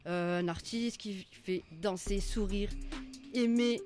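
Interview host with an average-pitched voice, who sets up the guest slowly and then chats casually, with music playing behind. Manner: slow, deliberate introduction, then casual banter. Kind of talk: interview hosting.

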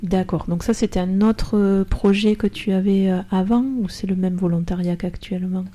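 A woman's voice: mid-range voice, level tone, normal speed, dark tone. A woman hosting a radio talk show in a studio, introducing guests with hesitant fillers.

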